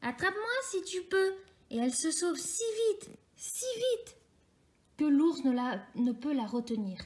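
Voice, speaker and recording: High-voiced woman reading a children's tale. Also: measured pace. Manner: lively, expressive read-aloud. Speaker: storyteller.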